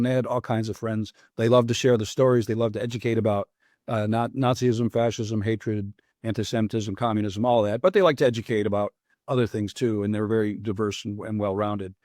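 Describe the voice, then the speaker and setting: Older american guy, author on a podcast, earnest and thoughtful, kinda halting, dry close mic. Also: medium pitch, a little mellow, no echo. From United States. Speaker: author guest. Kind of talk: interview answers.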